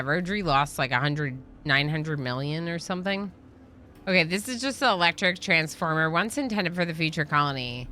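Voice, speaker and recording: A woman with a low, pushed, bright voice live-streams a role-playing game. She chats casually with her viewers while playing and reading along.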